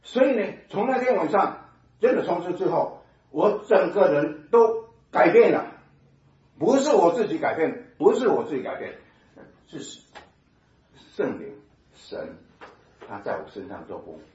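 A man giving a personal testimony sermon, telling his story in an animated way with sound effects. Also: fairly high pitch, measured pace. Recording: echoey hall from far off, dull sound.

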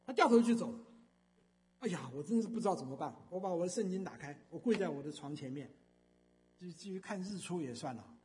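High, lively older man telling a story. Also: brisk, slight background noise. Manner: animated, emphatic storytelling with frequent fillers. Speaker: speaker giving a testimony. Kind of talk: storytelling sermon.

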